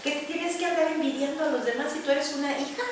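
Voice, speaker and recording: A woman preaches in a high, clear voice, speaking earnestly and conversationally as she keeps checking that her listeners agree. She is heard from some distance, in a very echoey church hall with faint noise behind her. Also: fast. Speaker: preacher at a women's gathering. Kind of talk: sermon.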